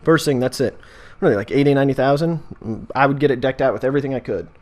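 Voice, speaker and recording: A man's voice: medium pitch, fast, darkish tone. A man with an American accent and a mid-range voice talks like a casual vlogger. He rambles along, joking and breaking off his own thoughts as he addresses his viewers. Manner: jokey, meandering, self-interrupting. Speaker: video host. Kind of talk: casual rambling vlog chat.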